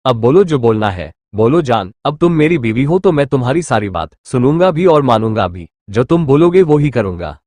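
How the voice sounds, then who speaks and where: Man reading as a calm, menacing rich young husband for an audio story, dry, lively pitch. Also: moderate pace, few pauses, dry recording, close to an everyday voice. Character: rich, cool, possessive young husband who controls and threatens.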